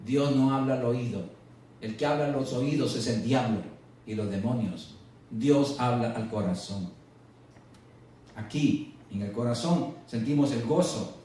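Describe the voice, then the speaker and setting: A male preacher giving a sermon, slowing and rising in pitch to stress scripture, then dropping low. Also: darkish tone, slight background noise. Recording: echoey, distant church radio recording.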